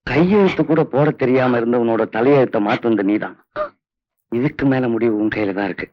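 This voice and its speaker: A man's voice: mid-range voice, a little fast, no echo, lightly acted. An actor playing a man who pleads earnestly and with worry on behalf of a friend. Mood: pleading. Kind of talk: 1990s film drama acting. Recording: dry, dull lo-fi film audio.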